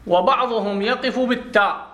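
A man gives a grammar lesson and keeps quizzing his class with questions. His voice sits a little high and sounds bright and forceful. It rings in an echoey classroom. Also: moderate pace. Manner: explains step by step, quizzing students with questions. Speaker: Arabic grammar teacher.

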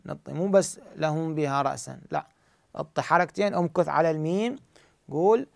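High-voiced man teaching Quran recitation. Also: lively intonation, creaky, dry recording, studio quality. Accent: Iraqi Arabic. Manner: explains rules, then slowly drawls out recited verses. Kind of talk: tajweed lesson with recited examples.

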